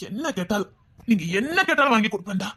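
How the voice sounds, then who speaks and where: A performer with a Tirunelveli accent playing a tender, doting old grandfather in a comedy skit, talking slowly and fondly. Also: medium pitch, animated, bright, forceful tone, husky, no echo, studio quality, full character voice. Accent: Tirunelveli Tamil. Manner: slow, fond and pleading, breaking into sobs. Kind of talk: skit acting.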